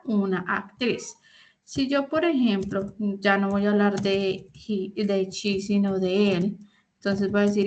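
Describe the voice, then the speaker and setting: Patient woman in her thirties teaching. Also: mid-range voice. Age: 30s. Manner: patient step-by-step explaining, often checking in with students. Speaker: English teacher. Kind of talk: online class instruction in Spanish.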